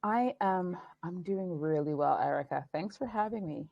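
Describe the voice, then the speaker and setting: Low, gravelly woman in her forties. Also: animated, normal speed, dry recording, muffled recording. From Nigeria, England and the United States. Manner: thoughtful, restarts sentences, earnest. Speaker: guest, documentary producer and speaker. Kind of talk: reflective interview answers.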